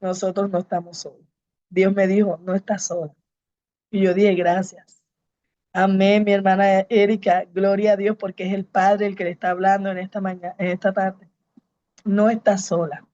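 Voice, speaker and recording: A woman's voice: mid-range voice, little pitch movement, moderate pace, mellow, no echo, muffled recording. Fervent woman pastor preaching. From Colombia. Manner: fervent, repeats key phrases, calls out to listeners. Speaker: pastor and evangelist. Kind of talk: preaching testimony to a congregation.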